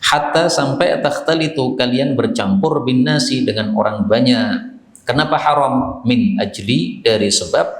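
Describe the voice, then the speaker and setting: A male Islamic teacher giving a sermon-style religious lesson, explaining Arabic phrases word by word and addressing listeners as sir. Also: fairly low pitch. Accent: Javanese Indonesian. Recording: echoey hall.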